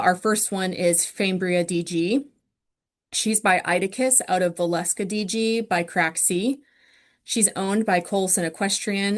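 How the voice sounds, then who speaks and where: Over a video call, a woman with a mid-range voice hosts an online awards ceremony, working steadily through the winners and their breeding lines and saying "um" often.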